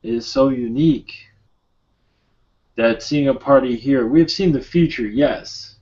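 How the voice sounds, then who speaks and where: A man channeling a benevolent otherworldly Sirian being, speaking in a solemn, halting, prophetic trance-like manner. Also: mid-range voice, a little mellow, close to an everyday voice. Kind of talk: channeling session, answering questions. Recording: dull lo-fi audio.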